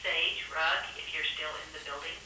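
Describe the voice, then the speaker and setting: A school announcer calling over a PA loudspeaker, giving a brisk public announcement. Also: mid-range voice, fairly even intonation, a little hiss or hum. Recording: distant, faint loudspeaker in a classroom.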